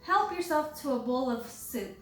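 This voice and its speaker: A woman reading aloud as a kind, reassuring man who works at a soup kitchen, speaking in a gentle, joking way. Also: high voice, animated, normal speed, faint music behind. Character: kindly middle-aged male soup kitchen worker. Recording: roomy with faint background hiss.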